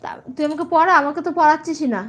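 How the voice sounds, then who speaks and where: High-voiced woman teasing a toddler. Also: level tone, rapid-fire. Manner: teasing, coaxing, mock-whiny. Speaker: live streamer playing with a small child. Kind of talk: playful teasing chat with a toddler.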